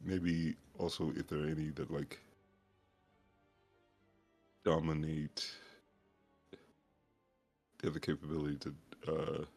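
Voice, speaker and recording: A man with a very deep, heavy voice, chatting casually as a tabletop game player, haltingly searching for words. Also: vocal fry.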